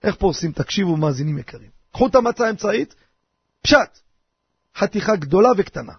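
An older man, a rabbi, giving a lively radio sermon full of rhetorical questions in a husky voice. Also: high voice, dry recording. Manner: animated, theatrical, rhetorical questions. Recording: dry, dull lo-fi radio recording.

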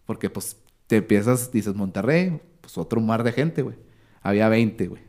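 Animated Mexican man telling a story. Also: lowish voice, moderate pace. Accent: Mexican Spanish. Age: 30s. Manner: animated, slangy, acts out what others said. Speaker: podcast guest, sports commentator. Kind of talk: casual storytelling chat.

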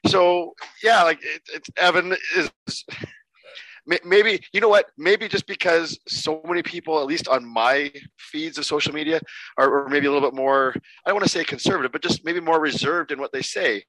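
A man chatting casually as a panelist, reasoning aloud in a measured, conciliatory way. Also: a little high, bright, forceful tone, dry recording, low-quality recording. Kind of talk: casual chat.

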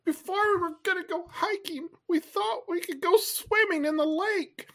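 A woman's voice: extremely high pitch, normal speed. A woman voicing an anxious male cat who tells a story in a rambling, teary way.

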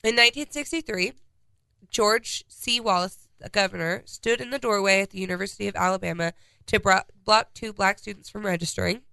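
A woman's voice: medium pitch, fairly quick, gravelly, pushed and bright, smooth, no echo. A congested woman co-hosting a casual podcast, reading out a timeline of historical dates. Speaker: podcast co-host.

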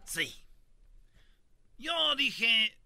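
Joking high-voiced radio host. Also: male voice, drawn-out words, creaky, slight background noise. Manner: animated storytelling, acting out voices. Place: radio studio.

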